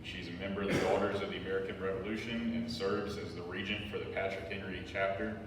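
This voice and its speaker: A man's voice: sits low, flat delivery, fast talker. Echoey hall, noisy recording, man, formal event introduction, host at a public talk. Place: large echoey room at a lecture series. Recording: very echoey hall, distant mic, clear noise.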